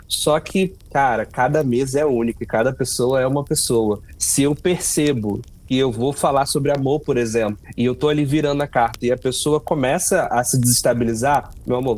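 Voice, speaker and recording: A man from Rio de Janeiro with a Carioca accent, a tarot reader talking in a casual interview, telling stories with lots of fillers and restarts. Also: mid-range voice. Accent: Carioca Brazilian Portuguese. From Brazil, Rio de Janeiro. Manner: animated storyteller, many fillers and restarts.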